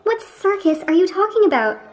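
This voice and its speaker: In a radio play, a woman voices a pompous, irritable man who exasperatedly scolds a friend with fussy precision, condescending and indignant. The voice sits high with big, sharp pitch swings, runs a little fast, and sounds a little mellow.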